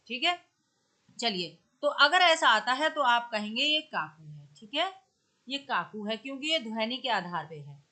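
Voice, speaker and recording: Woman teacher, bright voice a bit high, walks thru grammar, reads verse slow. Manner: explains step by step, recites verse slowly. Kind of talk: exam-prep grammar lesson.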